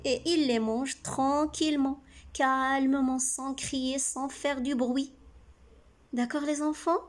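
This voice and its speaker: A woman teacher reads a tale aloud to children and explains its words. She patiently repeats and rephrases simple words, then asks the class questions and answers them herself. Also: sits high.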